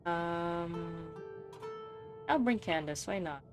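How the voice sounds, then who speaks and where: While playing a video game, a woman offers casual commentary and often thinks aloud absent-mindedly, her somewhat low voice animated but slow. Faint game music plays behind her.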